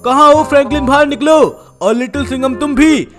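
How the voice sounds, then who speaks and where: A man putting on a brash cartoon boy hero who brags and taunts. The voice sits very high and squeaky, and a little music plays underneath. It is playful gameplay role-play. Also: a little fast, a bit bright. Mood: boastful. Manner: cocky taunting, laughs at rivals.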